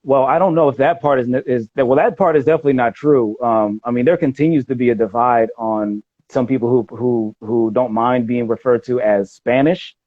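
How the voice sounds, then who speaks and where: A man's voice: medium pitch, fairly quick, few pauses, dry recording. A man speaking in a casual conversation as a guest, discursive and arguing his point at length. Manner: discursive, argumentative. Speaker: podcast guest. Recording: dull dry audio.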